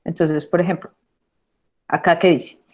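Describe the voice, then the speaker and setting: A woman teaching an online English class. Her voice sits a little low, and she talks slowly, repeating verb forms deliberately so students can copy them. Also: steady tone, a little mellow. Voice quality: repeats words slowly to model pronunciation.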